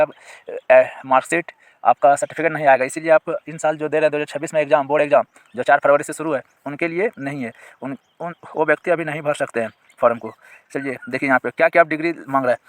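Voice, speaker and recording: A man with a fairly high voice takes his viewers through a government job notice clause by clause. He reads each line out at a crawl and then explains it again in simple words. The recording is close and dry, with no room sound. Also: fairly bright tone, no echo. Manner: asks viewers questions and points them to sections on screen. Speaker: exam-prep teacher.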